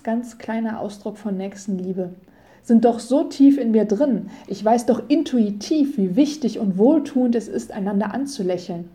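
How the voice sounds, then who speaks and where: A middle-aged woman giving a calm, measured sermon as a preacher, reading scripture solemnly. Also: medium pitch. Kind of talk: scripted radio devotion.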